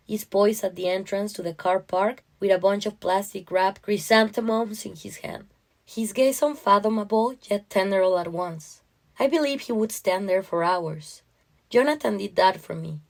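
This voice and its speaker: A woman with a medium-pitched voice reads a first-person literary short story aloud, delivering it expressively and with emotional intensity.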